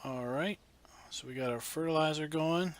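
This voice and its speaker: A man giving casual, unhurried gameplay commentary as host of a farming game video, thinking aloud in a folksy way with a tractor engine rumbling behind him. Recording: loud vehicle engine noise behind voice.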